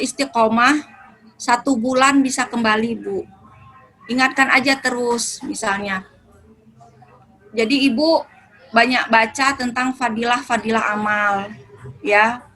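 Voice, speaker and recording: A woman's voice: on the high side, fairly even intonation, a little slow, pauses often, sharp tone, low-quality recording. A woman speaking as a religious parenting speaker, answering questions in a casual, conversational way and sometimes acting out talks with children. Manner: conversational, acts out mother-child dialogue. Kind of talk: answering audience questions in a seminar.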